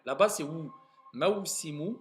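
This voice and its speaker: A man teaching Arabic reading to a class, patiently repeating words slowly and clearly to correct his students. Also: a little high, lively intonation, faint music behind. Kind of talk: classroom lesson.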